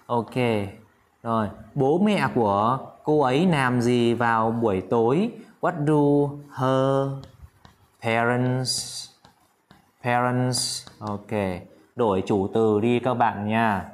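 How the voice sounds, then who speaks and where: A man teaching an English lesson in Vietnamese, drilling English phrases slowly and often checking that his students follow. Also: mid-range voice. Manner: drills English words slowly, repeats himself, coaxing checks. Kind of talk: classroom-style video lesson.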